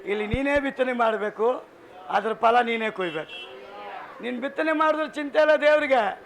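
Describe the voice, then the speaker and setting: Gravelly high-voiced Kannada-accented preacher. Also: male voice, normal speed, a bit bright, slight background noise. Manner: rhetorical call-and-response preaching. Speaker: pastor. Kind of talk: sermon. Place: church hall.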